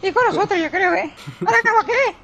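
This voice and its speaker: A young player joking and teasing during a game session with friends. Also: male voice, very high voice, fast, sharp tone. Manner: playful, teasing, chanting rhymes. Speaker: friend playing along. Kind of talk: joking gameplay banter. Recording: background noise, mic clicks.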